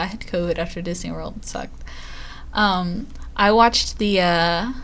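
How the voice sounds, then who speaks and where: A woman's voice: mid-range voice, a little hiss or hum. A woman streamer chatting casually on a live stream, rambling and poking fun at herself. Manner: chatty, self-deprecating, rambling.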